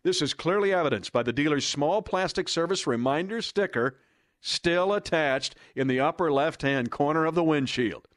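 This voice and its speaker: A man's voice: a little high, normal speed, a bit bright, no echo, clean studio sound. A man reading an enthusiastic scripted promo voice-over in an announcer's delivery. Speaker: promo narrator.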